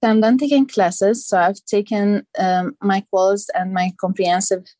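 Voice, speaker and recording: A woman's voice: mid-range voice, fairly even intonation, moderate pace, warm tone, dry recording. Young woman from lebanon chatting on a podcast, lots of likes and ums, dry close mic. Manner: thoughtful, with many "like" and "um" fillers. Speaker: guest, PhD candidate. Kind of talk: casual interview.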